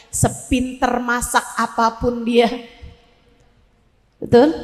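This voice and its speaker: A woman's voice: a little high, reverberant, big-room sound. An Indonesian woman in her forties preaching a sermon to a women's gathering, emphatic, repeating her lines and asking the crowd to agree. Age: 40s.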